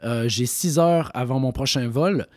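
A man's voice: mid-range voice, measured pace, a little mellow, no echo, clean studio sound. Québécois man, casual and rambling. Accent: Québécois French, partly softened by years in France. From Quebec. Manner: rambling, many fillers and restarts. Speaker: stage actor, guest. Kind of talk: casual conversational interview.

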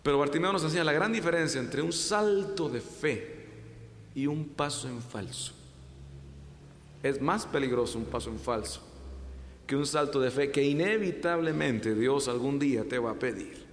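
A man's voice: mid-range voice, moderate pace, a little hiss or hum. A man preaching a humorous sermon, telling a story with jokes. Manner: lively, joking storyteller. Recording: echoey hall.

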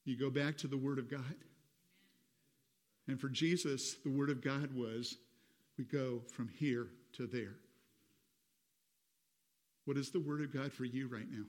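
A middle-aged man preaching a sermon as pastor, rising high and loud when retelling a story and dropping soft for personal asides. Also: in a large hall.

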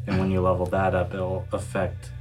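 A man with a fairly low voice chats casually as a tabletop game player. Soft music plays behind him. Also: completely flat delivery, moderate pace. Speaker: player explaining game rules. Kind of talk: casual chat.

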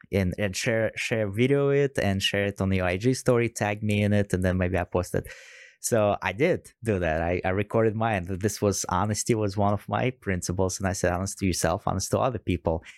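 Earnest low-voiced man in casual chat. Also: brisk, dry recording, clean studio sound. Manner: earnest, emphatic, repeats key words.

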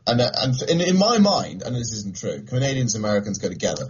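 Animated English man on a lo-fi call. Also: lowish voice, fast, husky. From England. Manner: animated, laughing storyteller. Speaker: podcast guest, gaming video creator. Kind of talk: casual chat.

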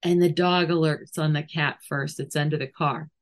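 A middle-aged woman dog trainer talking through training ideas and acting out little scenes. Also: moderate pace. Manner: animated, acts out scenes with sudden high voices. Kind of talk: podcast monologue.

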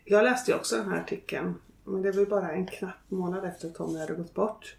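A woman's voice: lowish voice, steady tone, slight background noise. A woman speaking candidly in an interview, thinking aloud in a wry way. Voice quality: creaky. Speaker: interviewee, early network member. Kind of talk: reflective interview talk. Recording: echoey room, somewhat off-mic.

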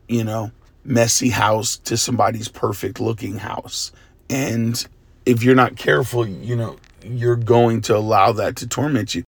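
A man's voice: mid-range voice, vocal fry, breathy edge, no echo. A male preacher with an exhausted, worn voice giving a casual, conversational and earnest devotional talk. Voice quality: tired, worn voice from much preaching. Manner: conversational, earnest, often asking "right?" and "you know". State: exhausted-sounding, tired voice.

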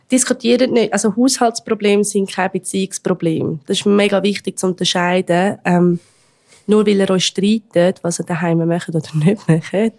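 A woman's voice: fairly low pitch, vocal fry, darkish tone. Chatty Swiss German woman co-host. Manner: candid, chatty, laughs often. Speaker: podcast co-host. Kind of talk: casual chat.

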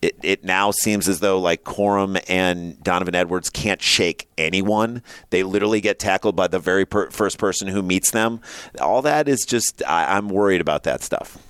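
Smooth-voiced excitable man chatting. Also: normal speed, dry recording. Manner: excitable and anxious, rambling with big pitch jumps. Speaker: podcast co-host. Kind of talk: casual sports chat.

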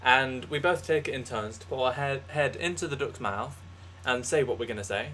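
Deadpan young man co-hosting a podcast. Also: medium pitch, normal speed, slight background noise. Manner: deadpan absurd storytelling, restarts. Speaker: podcast co-host. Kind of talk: casual comedic chat.

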